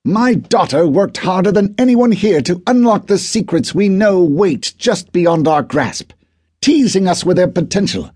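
A man's voice: medium pitch, lively intonation, unhurried, mellow, dry recording, clean studio sound, voice pushed up. A man voicing a grieving, proud older father who speaks stiffly and formally, and whose anger comes out as a hiss. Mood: furious. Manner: stiff formal speechmaking, turns to hissed fury.

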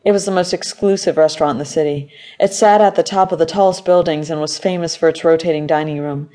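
A woman narrating an audiobook story in a measured, even manner. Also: low voice. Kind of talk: scripted narration.

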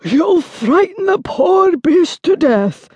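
A woman's voice: extremely high pitch, sing-song, takes it slowly, a little mellow, dry recording, pitched above the performer's own voice, heavily acted. A woman voicing a portly, out-of-breath village postman in a children's audiobook. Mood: fretful. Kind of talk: audiobook character voice.

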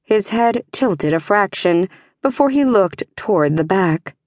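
A woman narrating a fantasy audiobook in a measured, tense way. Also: mid-range voice, lively intonation, darkish tone, no echo, clean studio sound.

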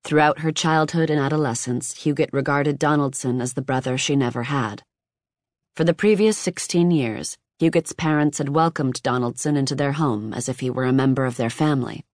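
Steady nonfiction audiobook narrator, mid pitch, very dry close studio mic. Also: normal speed, no echo.

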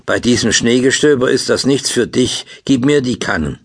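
A man voicing a kind, hardworking young weaver in an audiobook, speaking in a friendly, helpful way with a gravelly, husky voice. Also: medium pitch, moderate pace, natural voice. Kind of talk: audiobook dialogue.

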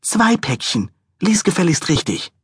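A man voicing a demanding, heavily pregnant young woman with late-night cravings, shrill and bratty. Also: sing-song, unhurried, slightly rough, dry recording, clean studio sound, heavily acted. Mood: scolding.

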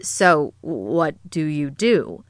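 A woman voicing a teasing young woman, low, unpretentious, audiobook dialogue, dry. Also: moderate pace, a bit bright, no echo, lightly acted.

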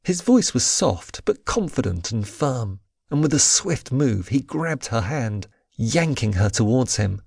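A man narrating an audiobook, with expressive storytelling. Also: mid-range voice, a little slow, gravelly, hardly any pauses, husky, dry recording, clean studio sound. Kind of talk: scripted narration.

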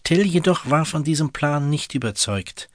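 A man's voice: on the high side, expressive, moderate pace. German man narrating a storybook. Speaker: audiobook narrator.

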